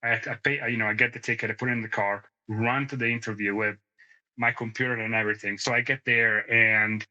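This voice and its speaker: Mid-range and sharp, his voice keeps a fairly even intonation at a fairly quick pace, with the highs cut off. He's a thirtysomething podcast co-host who moved to the United States ten years ago, rambling through stories in casual talk, sidetracking, and laughing a lot.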